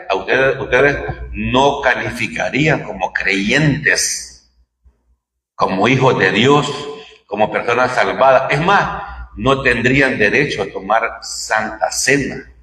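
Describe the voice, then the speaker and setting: Speaking slowly and with animation, a man delivers a sermon in a church hall, chatting with listeners and posing rhetorical questions. His medium-pitched voice has a sharp tone, and the echoey recording carries a little hiss or hum.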